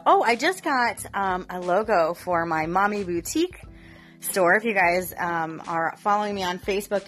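Still getting over a cough, this woman talks to her viewers in a relaxed, open way, leaning heavily on filler words as a vlogger chatting to camera. Her voice is on the low side and slightly bright.

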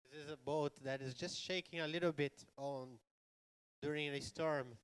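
Church interpreter, male, slow and smooth, fairly high voice. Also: steady tone. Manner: rephrases the preacher line by line, with small grammar slips. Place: church hall.

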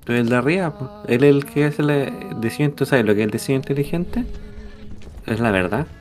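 A man's voice: medium pitch, fairly quick, darkish tone, faint music behind. A man with a Chilean accent telling jokes and stories in a casual podcast chat. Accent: Chilean Spanish. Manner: joking storyteller, playful voices in quotes. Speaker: podcast host.

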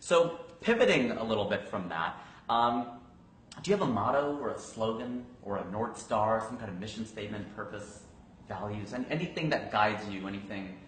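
A man in his forties hosting a casual interview podcast, joking and quick with wisecracks. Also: on the low side, lively intonation, slight background noise. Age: 40s. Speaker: podcast host. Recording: echoey room.

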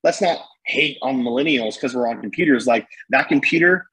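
A young man talking fast and energetically in a podcast conversation, rambling with lots of fillers and slang. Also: mid-range voice, a bit bright, breathy edge, rough recording. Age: young adult. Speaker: guest entrepreneur.

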